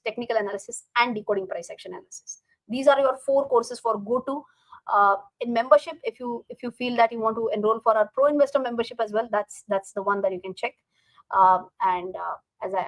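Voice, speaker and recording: A woman with an Indian accent speaks in a fairly high voice. She hosts a live stream in a casual, instructive way, addressing viewers directly and often repeating short phrases. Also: dry recording, low-quality recording. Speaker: live stream host and finance teacher.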